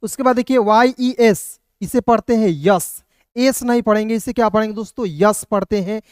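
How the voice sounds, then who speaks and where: A man teaching a video lesson, explaining patiently step by step, often asking his viewers a quick question and then answering it himself. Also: high voice, fairly even intonation, clean tone, no room sound, clean studio sound. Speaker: English teacher.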